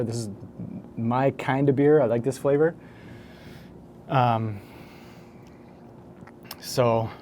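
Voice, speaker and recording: A man's voice: mid-range voice, mellow, slight background noise. A man talking casually to the camera as a home brewer, rambling and correcting himself as he goes. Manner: rambling, self-correcting, hesitant.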